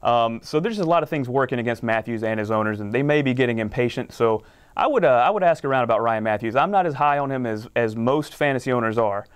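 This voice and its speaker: A man rattles off fantasy sports advice at a quick clip, confident and analytical. His voice is smooth and clear, recorded in a studio. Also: mid-range voice, animated. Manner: confident, rapid analytical explanations.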